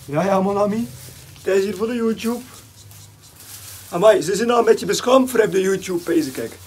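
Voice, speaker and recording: A young man from West Flanders chats casually in his own vlog, outdoors and at home, with a West Flemish accent. His voice sits high and moves at a moderate pace, and he keeps tagging sentences with little fillers, against slight background noise.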